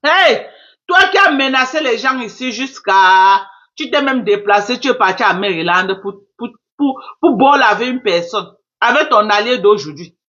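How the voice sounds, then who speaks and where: Woman mocking folks on a fb live, bright sharp voice, muffled lo-fi sound. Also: a little high. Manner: taunting, repetitive, scolding. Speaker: Facebook live host. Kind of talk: mocking live-stream commentary.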